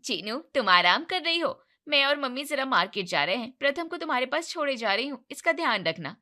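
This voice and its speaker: A woman voicing a breezy, careless sister-in-law who talks brisk and offhand, in a storybook narration. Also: high-pitched, very animated, bright, forceful tone, heavily acted.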